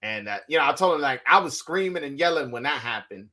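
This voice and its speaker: A man's voice: medium pitch, expressive, moderate pace, bright, forceful tone. A Dominican man interviewing a boxer, asking in Spanish and translating into English, with many fillers and restarts. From Dominican Republic. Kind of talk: bilingual interview with own translation.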